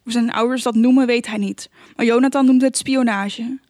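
Woman, audiobook narration, calm measured delivery, slightly high voice, dry close sound. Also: dry recording. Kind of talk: scripted narration.

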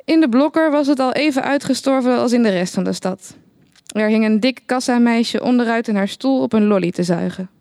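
Droog vertellende vrouwenstem. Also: female voice, on the high side, brisk, no echo. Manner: dry, deadpan first-person narration. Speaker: narrator. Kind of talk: reading a satirical short story aloud.

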